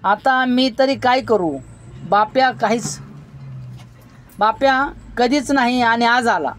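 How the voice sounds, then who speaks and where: A woman reading a story, voicing a worried older village mother who speaks softly and pleads. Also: medium pitch, slow, a little hiss or hum, close to an everyday voice. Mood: pleading. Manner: soft, calm, pleading.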